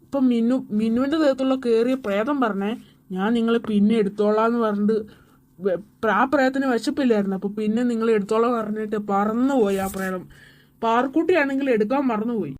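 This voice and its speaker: A woman voicing a cartoon character at a fast clip. Her voice is high, and she sounds hurried and urgent. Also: a little mellow. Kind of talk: cartoon voice acting.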